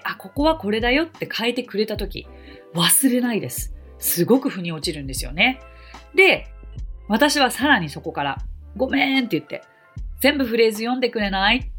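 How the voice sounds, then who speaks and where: Lively, husky woman teaching English. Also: on the low side. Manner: earnest, explanatory, with bursts of excitement. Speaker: English conversation teacher and podcast host. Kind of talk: podcast talk.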